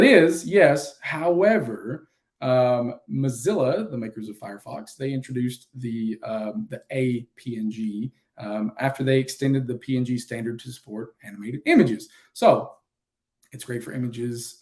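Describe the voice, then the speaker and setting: A man teaches in a loose, conversational way, dropping plenty of ums and uhs as he goes. His voice sits at an ordinary middle pitch. It sounds like a relaxed livestreamed class rather than a polished lecture. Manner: relaxed, with many fillers. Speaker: instructor. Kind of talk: casual livestreamed lesson.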